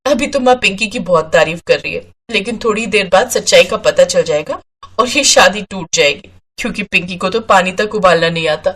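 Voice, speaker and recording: A woman's voice: mid-range voice, normal speed, fairly bright tone, close to an everyday voice. Brief: woman voicing a prim young twin, mild on top, sly underneath. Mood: smug. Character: mild-mannered young twin sister, a bit smug. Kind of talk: storybook character voice.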